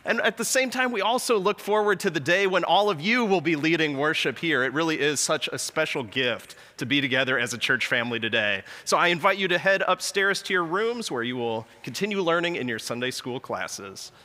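A man speaking into a pulpit microphone in a large church, his voice bright and set a little high. His gentle, inviting announcements carry through the room, and a long reverb trails each phrase. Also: lively intonation, fairly quick, few pauses. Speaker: worship leader. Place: large church sanctuary, indoors.

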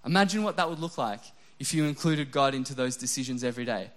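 A young adult man preaching a sermon, animated and self-deprecating, dropping to a soft, low voice when he voices prayers. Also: fast talker. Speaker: pastor.

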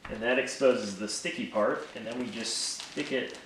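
A man's voice: mid-range voice, a bit bright. A man walking through how he packs orders step by step, casual and thankful, recorded a bit away from the mic in an echoey room with faint noise. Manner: slow, step-by-step explaining, thankful. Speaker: small business owner showing order packing. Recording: roomy echo, a bit distant, faint noise.

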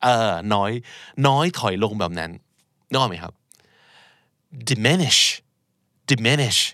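A man's voice: mid-range voice, expressive, pushed and bright, no room sound, clean studio sound. A man teaching English vocabulary in a casual lesson, patiently explaining each word and repeating it. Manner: patient, explains words slowly and repeats them.

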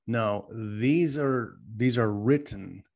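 A man's voice: medium pitch, takes it slowly, gravelly, darkish tone. A man co-hosting a talk show, arguing his point emphatically with lots of rhetorical questions. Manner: emphatic, rhetorical, keeps asking "right?". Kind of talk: opinionated casual talk.

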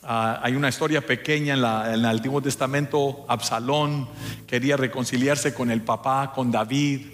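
A man's voice: medium pitch, fairly even intonation, moderate pace, fairly bright tone. A man preaching a sermon as pastor, emphatic and talking straight to the congregation, with an English word slipped in now and then. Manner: drops English words into Spanish.

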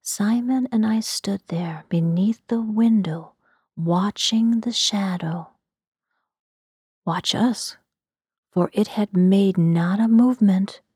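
A woman narrating a story in a soft, hushed ASMR whisper. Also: mid-range voice, slightly rough, no echo, studio quality.

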